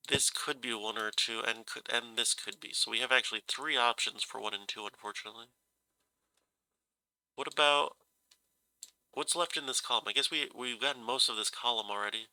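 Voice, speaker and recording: A man with a medium-pitched, slightly quick voice that sounds pushed, bright, clear and resonant, recorded with no room sound. He has a stuffy nose and a faintly scratchy cold voice, musing hesitantly as he works through a puzzle aloud and corrects himself in a casual way.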